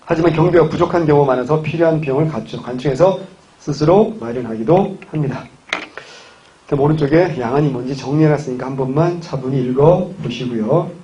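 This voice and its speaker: A man's voice: fairly high pitch, a little fast, warm tone, lo-fi sound. A man lecturing on history in a classroom, chatty, with joking asides to his students. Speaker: civil service exam history lecturer.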